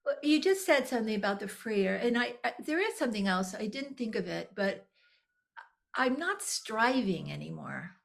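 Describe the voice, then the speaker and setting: A woman in her sixties, a nonprofit executive director, appears as a guest on a conversational podcast interview, speaking candidly and reflectively. Her voice is on the high side and sing-song, with vocal fry and a moderate pace. She often restarts her sentences and laughs lightly.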